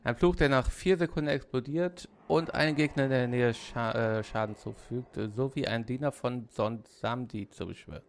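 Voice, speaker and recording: A man with a mid-pitched, creaky voice gives casual gameplay commentary. He talks as a let's play host, close to the mic, with faint game ambience behind him. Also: moderate pace, hardly any pauses, a little hiss or hum.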